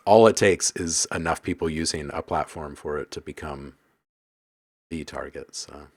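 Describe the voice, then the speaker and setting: A man's voice: rumbling low, normal speed, a little mellow, breathy edge. A man hosting a casual live stream, reading viewers' comments aloud and musing on them, then muttering to himself while he edits sounds.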